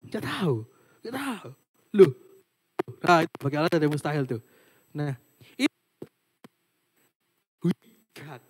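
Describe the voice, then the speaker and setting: A man's voice: fairly high pitch, sing-song, a little slow, pauses often, a little hiss or hum. A young man giving a casual devotional sermon over a video call, chatty and informal, often trailing off with fillers. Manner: chatty, fillers and english words. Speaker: youth devotional speaker.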